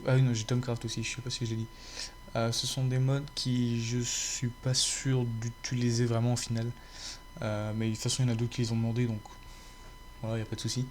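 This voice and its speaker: Homme au débit hésitant, faint hum. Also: male voice, mid-range voice, a little mellow. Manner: rambling, many fillers and restarts. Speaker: gaming YouTuber. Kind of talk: casual chat to viewers.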